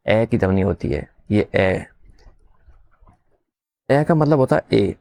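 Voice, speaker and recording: A man teaching beginners to spell, slowly repeating sounds and letters and asking his listeners questions back. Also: mid-range voice, creaky, a little mellow, no echo. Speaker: English teacher. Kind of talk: slow spelling lesson for beginners.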